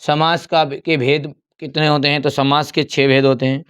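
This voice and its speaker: A young adult male teacher, walking through an exam paper and repeating key answers slowly as if dictating. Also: fairly high pitch, little pitch movement, a bit bright, clear, resonant tone.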